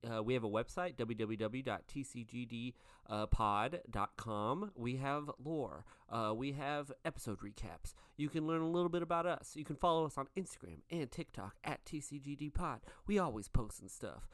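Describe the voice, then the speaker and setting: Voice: mid-range voice, lively intonation, moderate pace, no room sound, clean studio sound. A co-host of a tabletop game podcast, talking in a chatty way full of filler while playing and reading show announcements.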